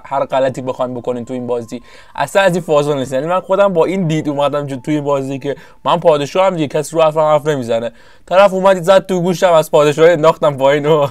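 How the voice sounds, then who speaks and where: Guy chatting over his strategy game, kinda high smooth voice, keeps hunting for words. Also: no room sound. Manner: chatty, rambling, searches for words. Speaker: gameplay commentator. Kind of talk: casual gameplay commentary.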